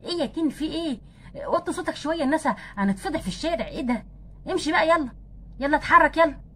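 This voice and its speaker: A woman voicing a caring, brisk young wife doll in an Egyptian Arabic accent, coaxing and a little bossy. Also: high voice, expressive, pushed and bright, a little hiss or hum. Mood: scolding. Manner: coaxing, bossy but tender. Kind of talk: doll play acting.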